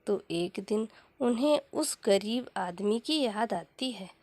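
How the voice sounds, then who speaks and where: A woman narrating a scripted motivational story as a storyteller, in measured, deliberate short phrases. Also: mid-range voice, expressive, darkish tone, dry recording.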